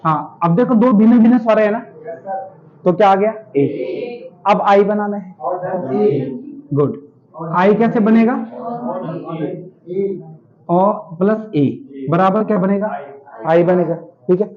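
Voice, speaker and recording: A high-pitched man teaches a classroom grammar lesson and keeps quizzing his students before answering for them. The recording is dull and lo-fi. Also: slow, pauses often, a crowd in the background. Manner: asks students questions and answers them himself.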